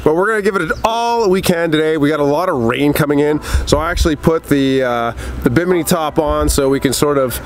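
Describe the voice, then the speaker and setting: A man in his thirties hosts a fishing vlog from a small boat outdoors, his voice fairly high and brisk. His commentary is casual, playful, and full of exclamations, with slight background noise.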